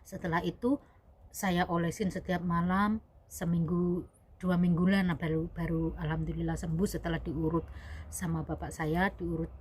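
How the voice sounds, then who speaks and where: Low-voiced woman telling a rambling story. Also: level tone, normal speed, darkish tone, slightly rough. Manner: rambling, self-correcting, addresses viewers as guys. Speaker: vlogger, domestic worker abroad. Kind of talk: casual spoken storytelling.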